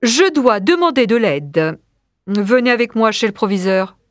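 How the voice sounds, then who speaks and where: A woman's voice: on the high side, little pitch movement, measured pace, fairly bright tone, smooth, no room sound, clean studio sound. Monsieur Blanc, a woman reading a cold android teacher. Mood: grave. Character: android teacher posing as human, cold and calculating.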